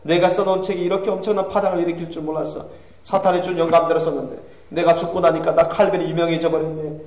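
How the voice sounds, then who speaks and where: A tormented soul in hell begs and reproaches himself, as a male preacher takes on his words. The voice sits high and rushes along. It comes from a distance in a reverberant church hall. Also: little pitch movement, a little mellow, lightly acted. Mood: anguished, remorseful. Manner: pleading, self-reproaching. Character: damned man in hell, tormented and regretful. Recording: echoey church hall, far mic.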